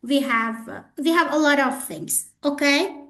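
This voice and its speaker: A woman's voice: high voice, unhurried, fairly bright tone, echoey room, a little hiss or hum. A woman trainer lecturing students in a classroom, repeating herself and checking in with "okay?" and "guys". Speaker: hospitality trainer.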